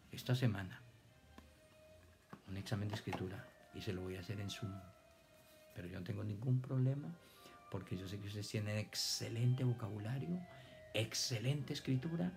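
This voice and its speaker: A man teaching children reading and spelling online. He dictates words slowly, splits them into syllables and praises his pupils. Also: lowish voice, gravelly, darkish tone, soft background music.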